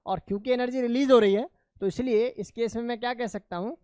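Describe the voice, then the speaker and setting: A man's voice: extremely high pitch, steady tone, quick pace, darkish tone, smooth, dry recording. A male chemistry teacher lecturing in a classroom. He keeps asking his students questions, answers them himself, and calls them "beta".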